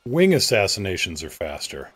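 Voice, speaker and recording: A low-pitched man chats playfully with his viewers while he plays a game, his voice swinging up and down as he jokes. Quiet game music runs underneath his talk. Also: huge pitch swings, normal speed, breathy edge. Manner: joking, playful, reads viewer names aloud. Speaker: game streamer chatting with viewers. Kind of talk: casual live-stream chat.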